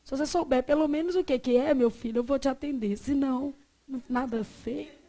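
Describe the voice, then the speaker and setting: A Brazilian woman teaching a Portuguese class, quizzing her students and drawing words out slowly to show how they are said. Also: sits high. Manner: lively, asks the class questions and answers them herself; stretches words out slowly to model pronunciation. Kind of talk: classroom lecture.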